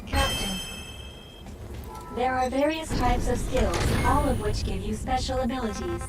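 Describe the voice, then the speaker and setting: A woman playing a brisk, composed mission-support officer giving instructions in a video game. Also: fairly high pitch, far from the mic, over loud music, natural voice. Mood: businesslike.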